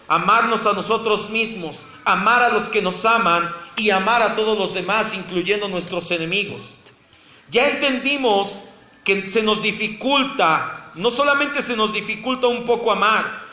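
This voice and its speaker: A man's voice: high voice, pushed and bright, a little hiss or hum. A man with a Mexican accent preaching a sermon as pastor, often asking the congregation questions. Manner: asks the congregation questions, emphatic. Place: church. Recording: echoey church room.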